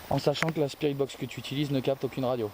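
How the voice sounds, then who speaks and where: A man on a paranormal investigation in a forest near a stream, speaking calmly and addressing spirits directly. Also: mid-range voice, rapid-fire, slight background noise, low-quality recording. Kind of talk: casual on-location commentary. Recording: outdoor field recording with crickets.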